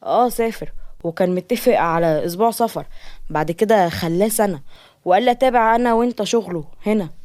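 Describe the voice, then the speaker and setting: A polite, friendly young man speaks quickly in an Egyptian accent. A woman storyteller voices him. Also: medium pitch, a little mellow, no echo, close to an everyday voice. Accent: Egyptian Arabic.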